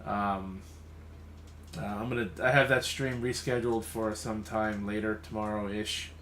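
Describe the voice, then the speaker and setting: A man's voice: fairly low pitch, little pitch movement, a little slow, fairly bright tone, reverberant, a little hiss or hum. A man hosting a late-night podcast, talking easygoing with lots of fillers and laughs. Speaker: podcast host. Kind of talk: casual late-night chat. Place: home room.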